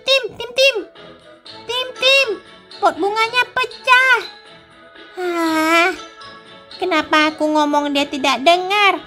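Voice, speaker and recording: Game voice of a jealous little boy, whiny and childish, very high and slow, as a woman puts him on. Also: music in the background. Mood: mischievous.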